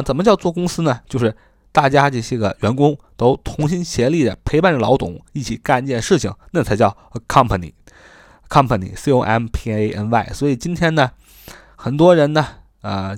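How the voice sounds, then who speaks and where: A man's voice: mid-range voice, dry recording, clean studio sound. A man teaching English vocabulary, repeating each word and spelling it out letter by letter, with rhetorical questions and chatty particles. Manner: sprinkles sentence-end particles, rhetorical questions. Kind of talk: explanatory vocabulary lesson.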